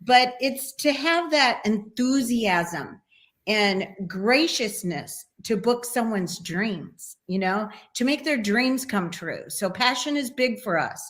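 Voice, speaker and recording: A woman's voice: on the high side, expressive, slow, fairly bright tone. A woman who owns a travel agency, speaking earnestly as a guest in a casual video interview.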